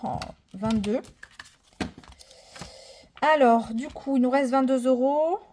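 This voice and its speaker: A woman's voice: high-pitched, slow, a little mellow, slight background noise. Chatty woman in her thirties vlogging. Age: 30s. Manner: chatty and enthusiastic, many fillers, counts money aloud. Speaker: budget vlogger. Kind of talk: casual budgeting vlog narration.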